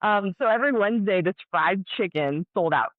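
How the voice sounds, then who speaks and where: A woman in her thirties from Colorado, a guest telling stories in an animated, chatty way with many fillers. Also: medium pitch, a little fast, no echo. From Colorado, USA. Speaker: guest, ER nurse and pro athlete. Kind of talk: casual storytelling interview. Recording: tinny phone-like dry audio.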